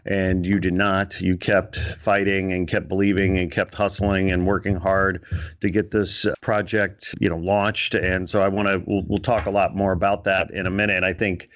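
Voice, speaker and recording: A man's voice: deep voice, flat delivery, moderate pace, a bit bright, no echo. A man hosting a podcast in casual chat, laid-back, with frequent fillers and restarts. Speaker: podcast host.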